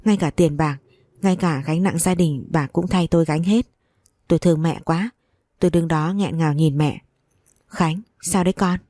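A woman reading a first-person romance story aloud in an even, steady voice. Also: deep voice, moderate pace, no room sound, studio quality. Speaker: story narrator.

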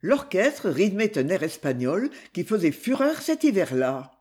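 Man reading a novel out loud, high-ish voice, lots of lilt. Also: sing-song, a little slow. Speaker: audiobook reader. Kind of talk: scripted novel narration.

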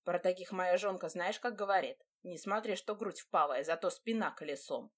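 A woman reading an audiobook, voicing a gruff peasant boatman who speaks in a blunt, rustic way. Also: lowish voice, moderate pace, close to an everyday voice. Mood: grumbling.

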